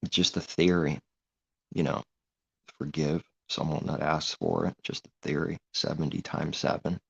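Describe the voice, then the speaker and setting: A man's voice: very deep voice, level tone, moderate pace, gravelly, husky. A man giving an informal religious monologue, earnest and rambling, on a muffled lo-fi recording. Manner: earnest, rambling, grows heated.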